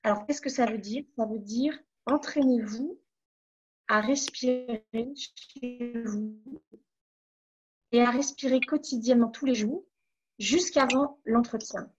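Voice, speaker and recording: A woman from France giving calm advice as a webinar coach, pausing on fillers and restarting her phrases. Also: on the high side, muffled recording. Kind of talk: online webinar talk.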